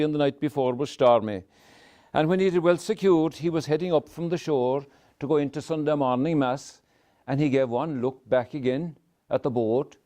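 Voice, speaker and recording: An older man with a Kerry Irish accent tells a folk tale to live listeners in a lilting, wry manner with dramatic pauses. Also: fairly high pitch, dark tone. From County Kerry, Ireland. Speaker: traditional storyteller. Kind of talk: oral folk storytelling to a live audience.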